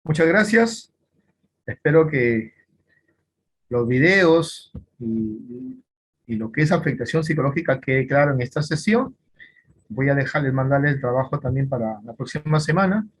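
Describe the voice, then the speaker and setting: A man's voice: mid-range voice, animated, unhurried, slightly rough. A man with a Peruvian Spanish accent lecturing on forensic psychology in an online class, rambling with many fillers and restarts.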